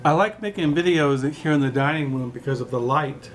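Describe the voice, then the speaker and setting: Recorded on a camera mic in his dining room, this book vlogger from California, in his sixties, talks fairly quickly in a slightly high voice. Soft music plays in the background as he rambles casually, restarting often and leaning on fillers.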